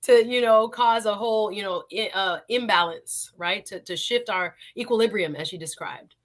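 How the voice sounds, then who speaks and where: A woman's voice: medium pitch, normal speed. A woman hosting a talk show, speaking reflectively and searching for her words. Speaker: host. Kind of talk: casual talk.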